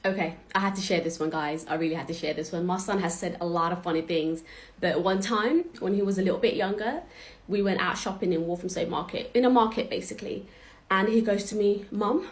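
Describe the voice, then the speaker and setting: Quick-talking mum. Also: female voice, mid-range voice. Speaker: mother sharing a funny story.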